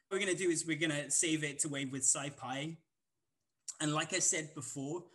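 At a conference, a male instructor with a Welsh accent walks through live code casually, rambling and restarting with many ums. He has a medium pitch and a fairly bright tone, heard through poor audio.

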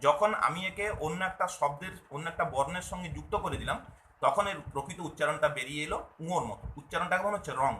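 A man teaches a video lesson with a bright, forward voice that sits a little high. He explains patiently, repeating points and asking himself questions before answering. The recording has a roomy echo and a faint hum behind him. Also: quick pace. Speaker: Bengali language teacher.

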